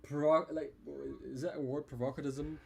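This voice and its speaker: A man's voice: fairly high pitch, little pitch movement, moderate pace, slight background noise. A young man hosting a casual chat, who stumbles, repeats words and breaks into laughter easily. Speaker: podcast host.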